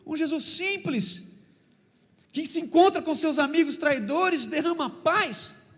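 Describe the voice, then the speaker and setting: High-voiced animated preacher in a hall. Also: male voice, unhurried. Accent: São Paulo Brazilian Portuguese. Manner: humorous, animated, questions the congregation. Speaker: pastor. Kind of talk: lively preaching with stories. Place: church hall.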